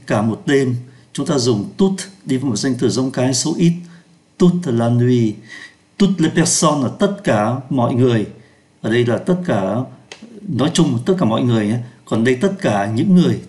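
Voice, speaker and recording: A man teaching French pronunciation in Vietnamese, slowing down to sound out French words. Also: mid-range voice, expressive, darkish tone. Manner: slows down to pronounce French words. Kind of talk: lesson explaining pronunciation.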